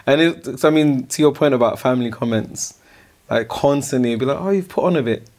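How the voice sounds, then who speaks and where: A young man hosts a relaxed studio chat. His voice is mid-pitched, and he asks careful follow-up questions between soft, encouraging murmurs. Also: a little fast. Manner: supportive, quiet backchannels, thoughtful follow-up questions. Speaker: podcast host. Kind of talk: casual interview chat. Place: small indoor studio with sofa.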